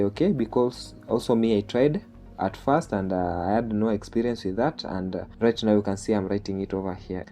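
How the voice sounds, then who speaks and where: A Kenyan man, a native Swahili speaker with a Kenyan accent, hosts an online jobs tutorial, walking through a screen share step by step. His voice is fairly low and warm, and he keeps checking in by ending phrases with "okay?"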